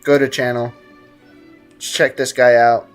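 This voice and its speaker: Over game music, a man live streams a video game, offhandedly chatting with viewers, reading out chat, commenting on gameplay and joking in slang. His medium-pitched voice is smooth and measured, with little movement in pitch.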